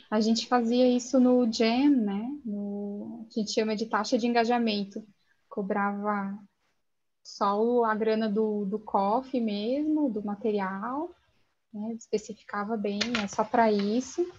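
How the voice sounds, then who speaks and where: A woman's voice: fairly high pitch, fairly even intonation, measured pace, darkish tone. A woman, an event organizer chatting casually before a live online event over small earphones. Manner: chatty, conversational. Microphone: headset earphones. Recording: dull lo-fi sound with faint noise.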